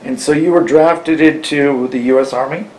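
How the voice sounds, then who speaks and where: A man asking measured questions as an oral-history interviewer. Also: fairly high pitch, fairly even intonation, darkish tone, slight background noise, rough recording.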